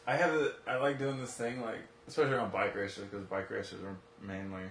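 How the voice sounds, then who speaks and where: A man's voice: fairly low pitch, little pitch movement, fairly quick, a bit bright, echoey room, a little hiss or hum. A man hosting a casual podcast conversation in a home office, swearing casually and laughing often. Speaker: podcast host.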